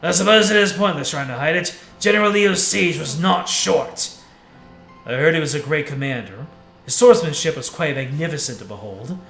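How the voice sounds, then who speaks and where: A man voicing a grave, formal older knight in measured, solemn speech, in a game playthrough. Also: a little high, animated, vocal fry, fairly bright tone. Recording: echoey room, faint music.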